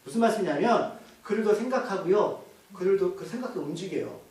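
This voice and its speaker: A man's voice: high voice, animated, brisk, darkish tone. A male pastor preaching a sermon, asking the congregation questions and answering them himself. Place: church. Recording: echoey church hall from far off.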